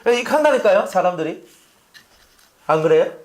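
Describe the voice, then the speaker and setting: Male pastor, fairly high voice, animated conversational sermon. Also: a little fast. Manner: animated, chatty preaching with rhetorical questions.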